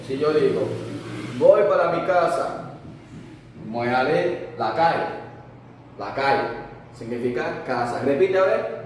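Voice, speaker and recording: A man's voice: medium pitch, heavy reverb, big-room sound, distant mic, slight background noise, poor audio. A man teaching a language lesson, patiently saying words and asking the learner to repeat after him.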